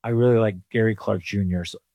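A man raised in England, a financial advisor answering interview questions in a relaxed, thoughtful way. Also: fairly low pitch, fast, no room sound, lo-fi sound.

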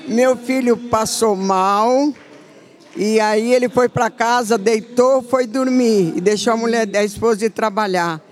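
A woman's voice: a little high, steady tone, unhurried. Older woman giving an earnest testimony. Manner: earnest, storytelling, quoting herself. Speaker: church member giving testimony. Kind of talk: spoken testimony.

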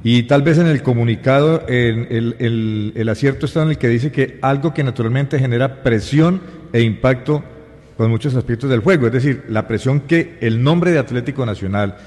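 Measured man on a sports panel. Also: medium pitch, darkish tone, big-room sound. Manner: measured, hesitant, with many fillers and restarts. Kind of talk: panel discussion on football.

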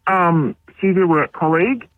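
A woman's voice: fairly low pitch, moderate pace, no echo. A woman calling in to a radio show, her voice disguised by a voice changer and speaking hesitantly with ums. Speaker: caller. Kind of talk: radio call-in. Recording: tinny phone line.

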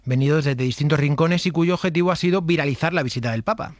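Playful radio contributor, dry sound. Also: male voice, a little high, fast, dry recording. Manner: playful, joking. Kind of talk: casual radio chat.

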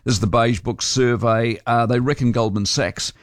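Brisk male breakfast radio host. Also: medium pitch, steady tone, no echo, clean studio sound. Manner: brisk, chatty, offhand. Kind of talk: breakfast radio news talk.

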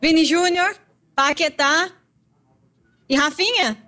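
A woman's voice: sits high, slow, pushed and bright. A woman from Brazil with a Brazilian Portuguese accent, a football fan giving upbeat, confident answers in a street interview outside a stadium.

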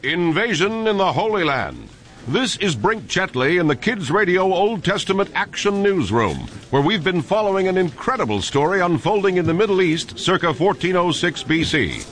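Dramatic, animated news anchor. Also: male voice, sits high, soft background music. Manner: brisk, dramatic, polished. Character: earnest, dramatic male newsroom anchor. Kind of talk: mock newscast in children's radio drama.

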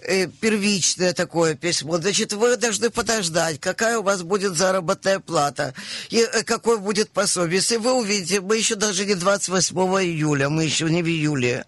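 A woman answering listeners' benefit questions on a radio call-in, brisk and direct, often cutting in. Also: lowish voice, no room sound. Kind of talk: call-in advice.

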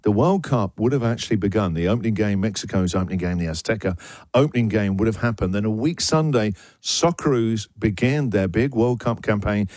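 A man hosting a radio breakfast show in a studio, talking with energy and enthusiasm, his voice jumping up when he gets excited. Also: lowish voice, fairly quick, no room sound. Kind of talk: lively radio banter. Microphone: studio broadcast mic.

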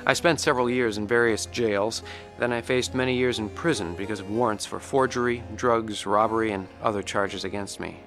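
A man's voice: on the low side, steady tone, brisk, fairly bright tone. An actor playing a troubled war veteran and addict, telling his story in an earnest, reflective, conversational way. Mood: reflective, regretful. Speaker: narrator and lead actor. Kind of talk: dramatized first-person testimony narration. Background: music.

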